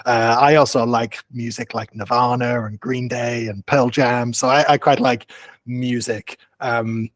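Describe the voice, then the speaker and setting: A man, a teacher introducing himself on a video call in a friendly, clear, unhurried way. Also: mid-range voice, little pitch movement, no echo. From England. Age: 30s. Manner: friendly, clear and unhurried, simple wording for learners. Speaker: guest English teacher.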